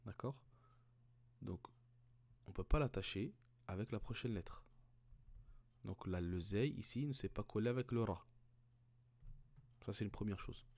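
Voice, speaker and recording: Slow, patient male language teacher. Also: on the low side, a little mellow. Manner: patient, repeats each sound several times, asks rhetorical questions. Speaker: Arabic reading teacher. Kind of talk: slow step-by-step reading lesson.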